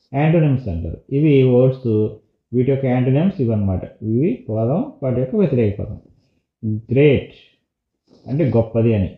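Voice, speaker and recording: A man with a Telugu accent teaches a textbook lesson, explaining each English word patiently and slowly. His voice comes through a narrow, tinny line, as if over a phone, and the room around him rings with echo. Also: mid-range voice.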